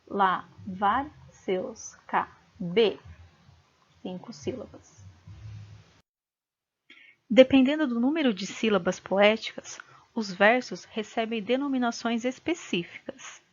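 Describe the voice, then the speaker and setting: Woman teacher, home video lesson, husky, fairly high voice, dull lo-fi sound. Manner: patient, sounds out syllables slowly.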